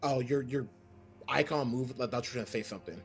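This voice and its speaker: A man's voice: mid-range voice, fast talker. A man chatting casually as a player in a tabletop game, informally thinking aloud about his moves. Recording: music behind the voice.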